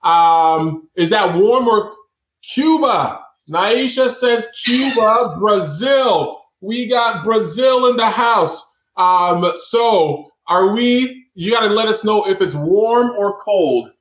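A man's voice: high voice, lively intonation, takes it slowly, fairly bright tone, roomy sound, muffled recording. A man hosting a live online stream, upbeat and chatty, reading out viewers' chat guesses. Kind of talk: lively interactive hosting. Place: indoor room, talking away from the mic at times.

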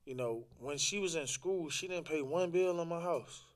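Speaking at a moderate pace in a slightly high voice, a man appears as a podcast guest and tells a personal story. His language is casual, slangy and at times profane, and he acts out quoted lines and repeats phrases for emphasis.

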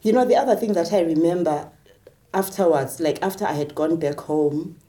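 A young woman co-hosting a podcast from South Africa, telling her story in an animated way and acting out quoted voices. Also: on the low side, moderate pace. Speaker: podcast co-host. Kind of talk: candid storytelling conversation.

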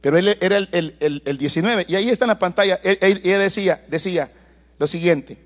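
A man preaching a sermon in church, telling family stories with lively asides to the congregation and loud bursts. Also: high-pitched, a little fast. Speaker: pastor.

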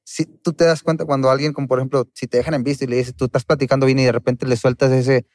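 Male interview guest, mid-pitched, casual and slangy, close dry recording. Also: little pitch movement, fast talker, a little mellow, no room sound. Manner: slangy street talk. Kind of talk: casual chat.

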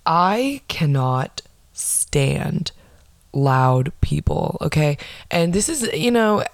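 A young woman with a low, non-nasal voice rants casually on her podcast, sarcastic and swearing a lot while acting out mocking quotes of people who annoy her. She speaks extremely slowly in a sing-song way with vocal fry. The sound is dry and close, with no room sound.

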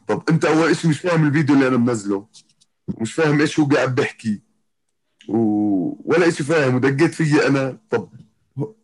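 Fast-talking man, husky Palestinian-Jordanian Arabic. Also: mid-range voice, rough recording. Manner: repeats himself, circles back over phrases. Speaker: interview guest, professional MMA fighter. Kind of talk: casual chat.

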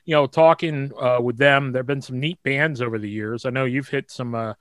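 A man's voice: mid-range voice, fairly even intonation, brisk, dry recording, studio quality. A man co-hosting a podcast, chatting casually and rambling with many fillers and restarts. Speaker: podcast co-host. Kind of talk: casual chat.

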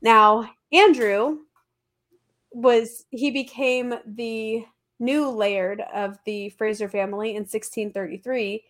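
A woman's voice: on the high side, slow. A woman with a congested, stuffy nose from allergies, telling history as a podcast host in a casual, slangy, emphatic way. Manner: chatty, informal, slangy and emphatic. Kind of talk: casual conversational history storytelling.

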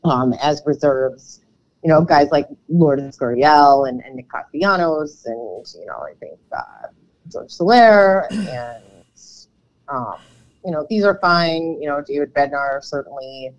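A woman with a froggy, slightly croaky voice co-hosting a sports podcast in casual, conversational commentary, often hedging her points. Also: sits low, lively intonation, a little slow, no echo. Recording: dull, lo-fi microphone sound.

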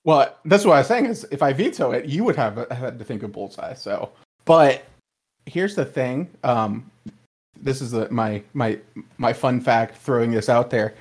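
A man co-hosting a podcast, teasing and animated in casual chat. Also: medium pitch, normal speed, breathy edge. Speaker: podcast co-host.

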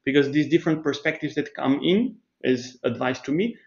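A startup CEO from Bulgaria, fairly high-pitched and expressive with vocal fry, takes interview questions in a measured, explanatory style marked by restarts and pauses for thought. The recording is muffled.

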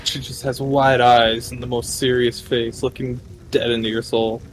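Animated male tabletop player. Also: medium pitch, moderate pace, slight background noise. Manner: animated, laughing, describes actions in bursts. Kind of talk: casual tabletop play.

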